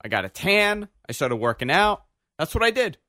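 A man's voice: sits high, sing-song, moderate pace, bright, forceful tone, dry recording, studio quality. A man hosting a podcast in casual chat, blunt and teasing toward his co-host.

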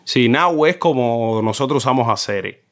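A middle-aged man with a Cuban Spanish accent, a film director chatting as a guest and telling animated stories, often mimicking how people in other regions talk. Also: mid-range voice, normal speed. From Cuba. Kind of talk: casual conversation.

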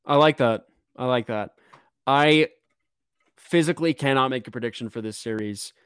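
Excitable man hosting a sports chat. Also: mid-range voice, smooth, dry recording, clean studio sound. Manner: excitable, quick to joke. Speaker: podcast host.

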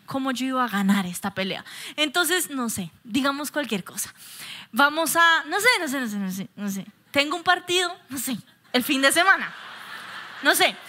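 Bright, expressive woman preaching a sermon. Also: sits high, moderate pace. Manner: candid, expressive, tells personal stories. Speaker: pastor. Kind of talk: sermon with candid personal examples.

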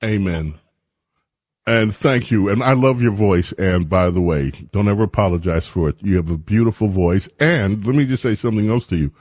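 A man's voice: fairly low pitch, moderate pace, a little mellow, no room sound. A man hosting talk radio, giving opinionated commentary in a conversational, emphatic way.

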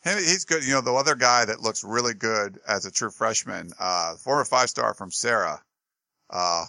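A man's voice: lowish voice, animated, moderate pace, vocal fry, pushed and bright, no room sound. A man co-hosting a sports talk show, chatting casually and rambling with lots of fillers and restarts.

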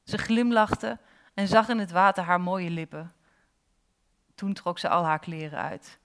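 A woman reading her own dark fairy tale aloud at a live event, expressive, with slow dramatic pauses. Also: on the low side. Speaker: storyteller and author.

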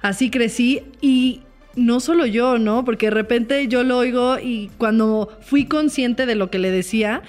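A woman co-hosting a casual podcast, talking reflectively with frequent tag questions and quoting herself in a higher voice. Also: unhurried, darkish tone, soft background music. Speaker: podcast co-host.

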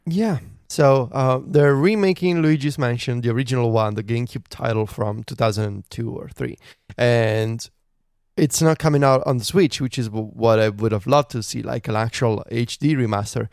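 A man's voice: medium pitch, a little mellow, clear, resonant tone, dry recording, clean studio sound. A man co-hosting a podcast, chatting casually with lots of "like" and "uh". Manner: chatty, lots of "like" and "uh", quick to laugh. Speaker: podcast co-host. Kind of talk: casual chat.

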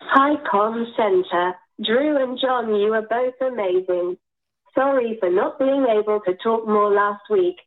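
A woman's voice: a little high, unhurried. Woman caller on a tinny prison phone. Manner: upbeat, gushing fan message. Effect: heard over a prison phone line. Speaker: caller leaving a voicemail.

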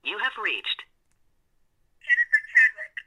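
A woman's voice: sits high, huge pitch swings, a little slow, pushed and bright, slightly rough, dull audio. A woman giving a formal recorded voicemail greeting, heard played over a phone on speaker.

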